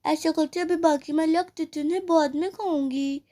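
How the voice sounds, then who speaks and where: A woman's voice: sits high, steady tone, brisk, warm tone, close to an everyday voice. A woman voicing a young girl doll who loves candy, talking in a childish way with munching sounds, in a doll play story. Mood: greedy.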